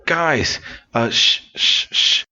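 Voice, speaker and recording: A man's voice: slow, bright, forceful tone, lo-fi sound. A man voicing a nervous young man who stutters. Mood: stuttering.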